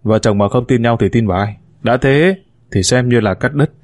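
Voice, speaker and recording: Man reading scheming con-man husband, glib, persuasive, mid pitch, dry close sound, audiobook story. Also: moderate pace, a little mellow, dry recording, close to an everyday voice.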